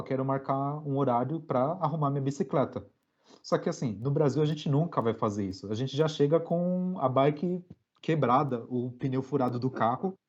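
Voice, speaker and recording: Guest spot: young Brazilian man, loose slangy storyteller, mid-pitched voice, dull lo-fi line. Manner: relaxed slangy storytelling with many fillers. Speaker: podcast guest. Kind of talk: casual storytelling interview.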